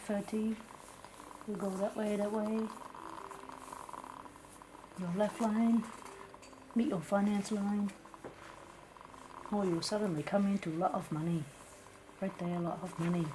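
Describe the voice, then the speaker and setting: Casting: woman as blunt lady palm reader, Singaporean or Malaysian accent, soft-spoken comedy role-play, very unhurried, clear background noise. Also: mid-range voice, natural voice. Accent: Singaporean or Malaysian English. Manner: clipped grammar, musing hums, deadpan teasing.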